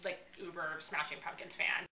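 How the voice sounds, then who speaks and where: A woman co-hosting a casual chat, telling a story with excitement and frequent laughs. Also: lowish voice, normal speed, gravelly, slight background noise. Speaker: co-host. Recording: roomy echo.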